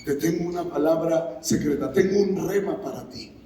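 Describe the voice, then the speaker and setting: A man with a somewhat high, dark-toned voice preaches at a moderate pace in a church sanctuary, urging the congregation to respond and acting out scenes from scripture. The recording is very echoey, with the mic far away.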